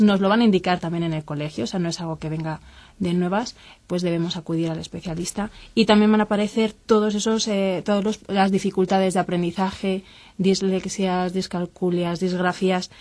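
A woman's voice: mid-range voice, darkish tone, dry recording. Woman expert guest, mid-range voice, explanatory, illustrates with acted everyday scenes, dry close mic. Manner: explains with everyday examples, acting out parent and child. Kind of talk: explanatory talk on child development.

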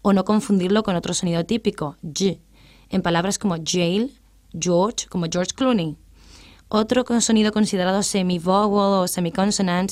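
Speaking at a medium pitch, a woman gives a methodical, patient radio lesson on English grammar, reading each English example aloud at a slow pace.

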